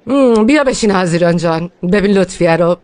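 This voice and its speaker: A woman voicing a mother in a dubbed TV drama, speaking in a hesitant, measured way. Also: fairly low pitch, expressive, a little mellow, natural voice. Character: mother announcing a marriage proposal.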